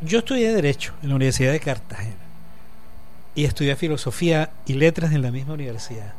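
A man's voice: on the high side, animated, darkish tone, a little hiss or hum. Caribbean-Colombian man explaining at length. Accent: Colombian Caribbean coast. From Colombian Caribbean coast. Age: 50s. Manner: reflective, speaks in long explanations with pauses and fillers. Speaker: guest, journalist and lecturer. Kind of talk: casual radio interview talk.

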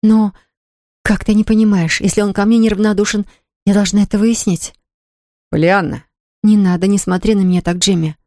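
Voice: mid-range voice, fairly even intonation, brisk, warm tone, dry recording, clean studio sound, close to an everyday voice. A reader voicing a distraught young woman who pleads through tears. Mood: pleading. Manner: pleading, tearful outbursts.

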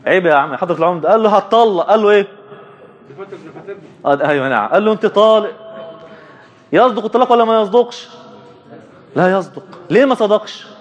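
Man, Egyptian Arabic accent, religious teacher, high voice, asks questions and answers them, drags out key words. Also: animated. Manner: drawn-out words for emphasis. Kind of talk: interactive religious lesson.

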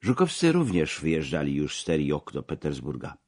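A man reading a memoir aloud as audiobook narration, measured and expressive. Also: rumbling low.

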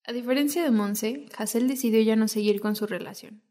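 A woman's voice: on the high side, fairly quick, warm tone. A woman narrating a documentary podcast in a reflective, intimate scripted way. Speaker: narrator and host.

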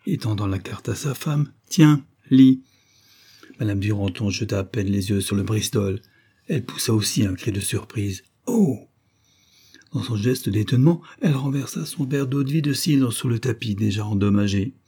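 A man reading a novel aloud in a measured, theatrical narration style. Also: on the low side, dark tone, breathy edge. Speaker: audiobook reader.

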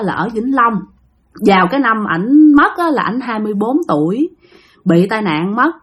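A woman with a Southern Vietnamese accent telling a ghost story in a chatty, repetitive way, often turning to address her listeners. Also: medium pitch.

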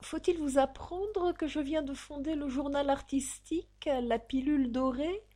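A woman's voice: sits high, unhurried, dark tone, pitched above the performer's own voice. A woman voicing an insolent male blackmailer in an audiobook, with a taunting, sneering manner. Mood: boastful. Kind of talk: audiobook character reading.

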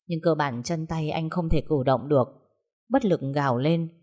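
A woman storyteller reading out a family drama. Her delivery is steady and dramatic, and her voice sits fairly low. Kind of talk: scripted narration of a family drama.

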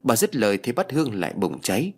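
A man narrating a ghost story audiobook in a lively storytelling voice. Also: mid-range voice, fast talker, husky.

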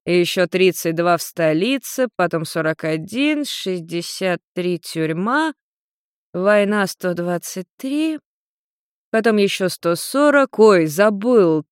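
A woman's voice: lowish voice, no echo, studio quality, natural voice. A woman voicing a carefree, joking male demon who is centuries old, in a storybook reading. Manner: breezy, joking, scatterbrained.

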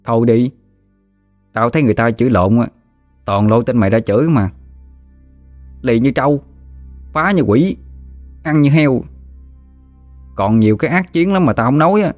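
A man's voice: medium pitch, normal speed, long pauses, darkish tone, soft background music, pitched above the performer's own voice, close to an everyday voice. A man voicing a chubby, joking village boy, offhand and lazy.

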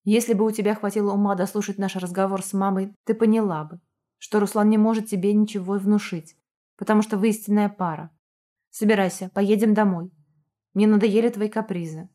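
A woman's voice: medium pitch, steady tone, brisk, warm tone, close to an everyday voice. A woman reading aloud, voicing an angry middle-aged father scolding his daughter. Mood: stern. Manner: commanding, scolding.

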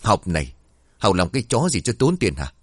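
A man voicing a drunk, violent middle-aged father who shouts crude demands and threats. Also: low-pitched, sing-song, fairly quick, slightly rough, no echo, exaggerated voice. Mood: drunk angry.

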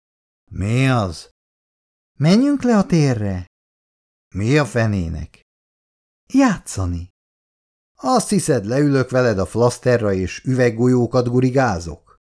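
Reading a story aloud, a man with a medium-pitched, very animated voice plays a drunk, bullying middle-aged father. The character shouts gruffly and slurs his slow words.

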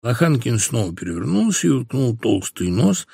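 A man reading a satirical novel aloud in an expressive, ironic storytelling manner. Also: medium pitch, normal speed, vocal fry, breathy edge, dry recording, clean studio sound. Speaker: reader of a novel. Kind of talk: literary audiobook reading.

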